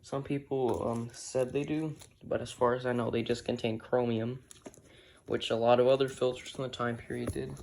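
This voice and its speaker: Guy casually showing off gear, pretty monotone, kinda tentative, slightly noisy homemade recording. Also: medium pitch, moderate pace, creaky. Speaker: gas mask reviewer. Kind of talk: casual hands-on product review. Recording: noisy amateur video.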